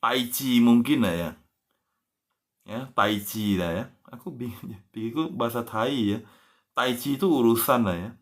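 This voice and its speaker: A man with a medium-pitched voice teaches language at a moderate pace during a relaxed live stream. He draws out sample words patiently, spells each one out letter by letter, and closes almost every phrase with a gentle "ya."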